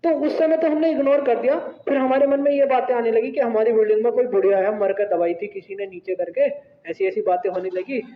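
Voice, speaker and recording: A male teacher telling a personal story to his class in an animated, conversational way. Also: very high-pitched, brisk. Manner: animated, conversational, asks "right?". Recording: echoey hall, tinny phone-like sound.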